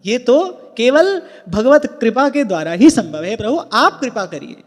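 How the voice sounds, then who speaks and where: A man's voice: very high-pitched, very animated, measured pace. A man giving a devotional discourse, teaching earnestly and working through examples of which word carries the stress. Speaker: devotional preacher. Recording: reverberant hall with faint music.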